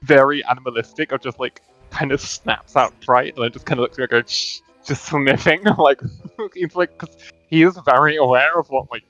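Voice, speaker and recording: A man playing a tabletop game, describing his character's actions with animated, giggly storytelling. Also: mid-range voice, a little fast, no echo, dull audio, faint music behind. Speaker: player.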